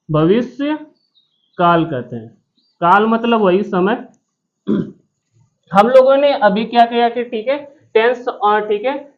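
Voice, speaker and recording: A man's voice: sits high, phone-quality sound. A man teaching grammar to a classroom with students present, drilling them by repeating questions and answers, with joking asides.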